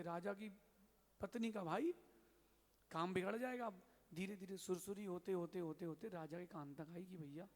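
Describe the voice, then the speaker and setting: A high-voiced man preaches a sermon as a Jain monk. He tells a folk tale with lively, acted-out dialogue. His voice rings with long reverb in a temple hall. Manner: lively storyteller acting out dialogue. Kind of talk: sermon with storytelling.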